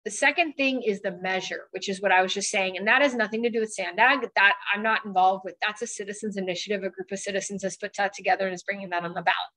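Woman in her forties speaking over a webcam call, earnest and urging, talking with easy fillers and steady middle pitch, an elected official addressing a youth town hall. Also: fast, few pauses. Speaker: county supervisor on a transit board. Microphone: video call webcam.

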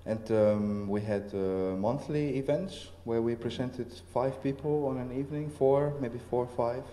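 At a festival venue's casual panel, a visiting artist talks in a medium-pitched, dark-toned voice. His speech is halting, packed with fillers and restarts, and the recording has a roomy hall feel with faint noise.

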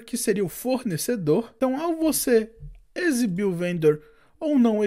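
A man from Brazil narrating a step-by-step screen-recorded software tutorial, explaining settings and giving his own recommendations. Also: very high-pitched. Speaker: tutorial host.

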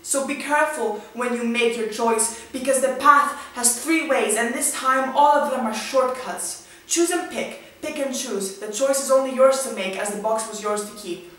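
A woman's voice: on the high side, normal speed, fairly bright tone. A young woman in her twenties performing a spoken word poem with a dramatic, rhythmic delivery that swells into emphasis, recorded indoors in a small room on a camera mic. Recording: very echoey room, voice far from the mic.

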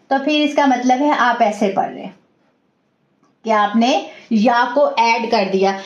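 High-voiced woman teaching recitation rules. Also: roomy sound. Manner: patient, repeats each rule step by step; praises students warmly. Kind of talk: tajweed lesson.

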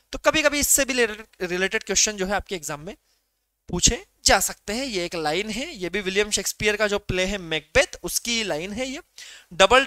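Male exam-prep teacher, bright clear voice, dry close mic, asks and answers his own questions. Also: sits high, dry recording. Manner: repeats and quizzes himself, drawn-out spelled syllables. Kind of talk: classroom lecture.

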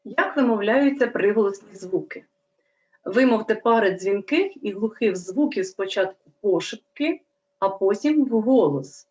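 A woman teacher speaks to young children at a slow, deliberate pace, sounding out each letter with care. Her voice sits in an ordinary middle pitch. The recording is slightly dull and lo-fi. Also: lively intonation, a little mellow. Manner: slow, careful, clearly pronounced teaching. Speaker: primary school teacher.

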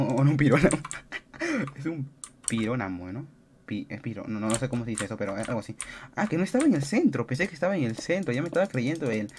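A man commentates a computer game as he plays, chatty and excitable, firing off repeated words in bursts. His voice sits at an ordinary middle pitch. The recording is noisy, with keyboard clicking heard behind him. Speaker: gaming YouTuber.

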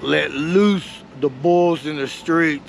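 A man's voice: fairly high pitch, slow, vocal fry. A middle-aged man guiding a walking tour, talking in a laid-back, slangy way outdoors. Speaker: local tour guide. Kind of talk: casual chat. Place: outdoors in a town park. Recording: outdoor street noise.

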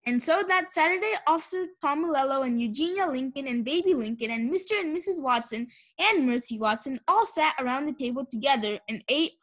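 A woman reading a children's storybook aloud, in an expressive, sing-song way. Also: sits high. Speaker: audiobook reader.

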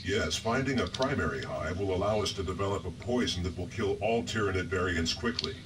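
An actor playing a calm, precise male soldier-scientist in a game cutscene, speaking in a measured, clinical way. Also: low-pitched, noisy background. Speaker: game character.

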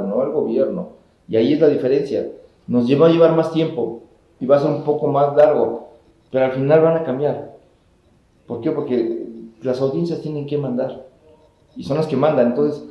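A middle-aged man from Mexico answers interview questions in a steady, explanatory way, stacking his points into lists. The office around him sounds roomy and a little dull. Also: medium pitch. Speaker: government communications official, guest. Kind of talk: measured political interview answers. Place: indoor office with wooden cabinets.

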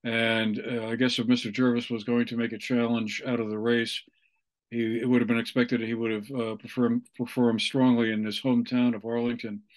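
A man in his sixties giving an unscripted election report over a video call, in halting, measured phrases. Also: medium pitch, level tone. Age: 60s. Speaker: local election correspondent. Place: small room at home, indoors. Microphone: video call on computer microphone.

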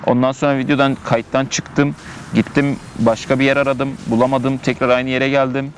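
A man talks through a mobile game as he plays it, casual and chatty, thinking aloud and repeating his points. His voice sits in a middle pitch. He records outdoors in a park, with a faint hum of city noise behind him. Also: level tone, moderate pace. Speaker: gameplay commentator. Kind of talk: casual live gameplay commentary.

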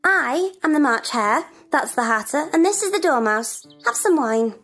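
A woman's voice: high-pitched, expressive, moderate pace, fairly bright tone, faint music behind. A woman playing a rude, contrary hare at a tea party in a stage play dramatization.

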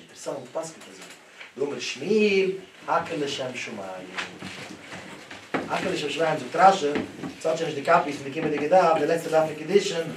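A man giving a Talmud lesson, animated, his voice rising and dropping sharply as he tells the stories. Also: a little high. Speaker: Talmud teacher. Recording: echoey room, voice from a distance, clear background noise.

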